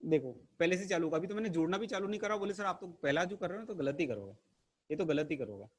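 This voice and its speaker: A man's voice: sits high, lively intonation, fast. A man teaching an online chemistry lesson to camera in a playful, theatrical way, teasing his class. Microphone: camera mic.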